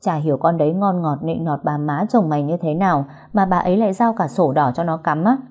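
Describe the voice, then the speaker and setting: A woman's voice: deep voice, fairly quick, darkish tone. A woman doing a blunt gossipy friend.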